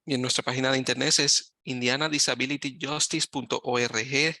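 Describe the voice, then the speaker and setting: A man giving live Spanish interpretation of a webinar over a video call, talking in halting phrases and often correcting himself mid-sentence. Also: medium pitch, fairly even intonation, sharp tone, no room sound, clean studio sound. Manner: halting, with frequent self-corrections.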